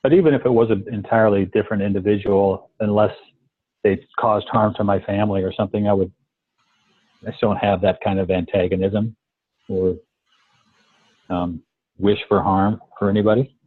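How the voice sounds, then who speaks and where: Halting, thoughtful man on a tinny line. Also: lowish voice, steady tone, no echo. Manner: thoughtful, halting, many ums. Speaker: coaching student. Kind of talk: live coaching demonstration. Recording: tinny phone-like call line.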